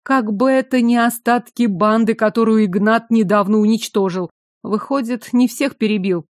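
Female audiobook narrator, fairly high voice, wry first-person delivery, dry close recording with no room sound. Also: normal speed, no room sound. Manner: wry, sardonic inner voice.

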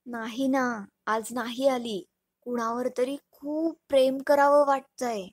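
A playful young husband who teases his wife fondly, as a woman reader puts him on. The voice sits high and the lines come slowly, like a storybook read aloud. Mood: tender, hushed. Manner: teasing, fond. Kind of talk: storybook reading.

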